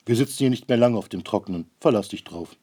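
A man voicing a gruff, distracted old ark builder in a read-aloud storybook, speaking loudly and impatiently. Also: lowish voice, fast.

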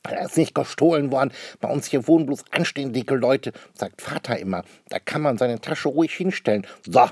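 A man's voice: mid-range voice, moderate pace, few pauses, darkish tone, husky, dry recording, studio quality, voice pushed up. A man voicing a cheeky, stubborn little boy in a storybook reading, defiant and secretive.

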